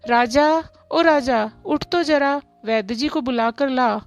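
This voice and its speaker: A woman's voice: high voice, a little slow, no echo, muffled recording, faint music behind. A woman voicing a strict, worried mother in a spoken story, scolding and fussing. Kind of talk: storybook voice acting.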